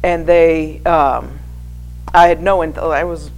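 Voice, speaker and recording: Speaking slowly in a deep, steady, slightly mellow voice, a New England woman in her sixties shares her personal testimony with a church congregation as a former missionary and guest speaker. She tells it informally through anecdotes, hesitant and conversational. The recording is rough, with clear background noise and hum.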